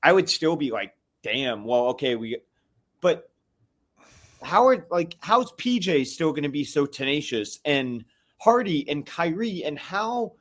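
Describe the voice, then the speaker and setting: Calling into a live fan podcast, a fired-up man vents in rambling bursts packed with restarts and fillers. His voice is a bit high and sing-song, and he speaks slightly slowly.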